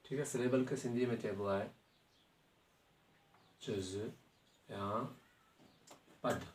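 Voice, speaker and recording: A man's voice: medium pitch, takes it slowly, darkish tone. A man with a Sindhi accent teaching a grammar lesson, often checking that the class has understood. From Sindh, Pakistan. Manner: checks understanding with frequent rhetorical questions. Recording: echoey room, mic at a distance, faint noise.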